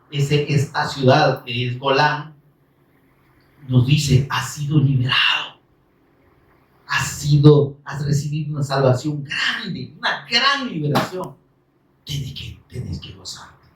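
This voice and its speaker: A man preaching a sermon in an animated way, swinging between loud calls and soft asides and acting out complaints. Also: on the high side, roomy sound, far from the mic, poor audio.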